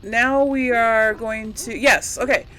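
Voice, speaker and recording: With a fairly high, sharp voice, fairly even intonation and a slow pace, a gaming video host rambles hesitantly and giggles as she talks to viewers. It's casual let's play commentary with role-played replies, and the audio is poor.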